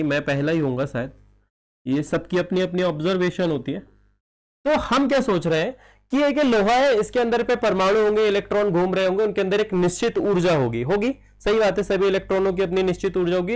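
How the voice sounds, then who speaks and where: A man with a Hindi accent gives a chemistry lesson in a high, ringing voice. He keeps putting questions to the class and answering them himself, and calls his students "child". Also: a little mellow. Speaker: chemistry teacher. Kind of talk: classroom lecture.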